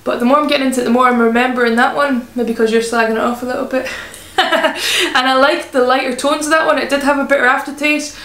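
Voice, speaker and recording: A woman's voice: high-pitched, fairly even intonation, fast, hardly any pauses, fairly bright tone. Chatty woman, echoey room. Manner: chatty, giggly, trails off mid-sentence. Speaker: beer reviewer. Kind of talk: casual chat.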